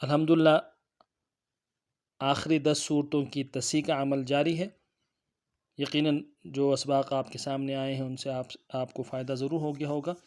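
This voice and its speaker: A man with a Pakistani Urdu accent teaching tajweed. He recites the verses slowly word by word, then explains common mistakes in quick speech. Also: medium pitch, flat delivery, a little mellow. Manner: switches between drawn-out melodic recitation and brisk corrective explanation.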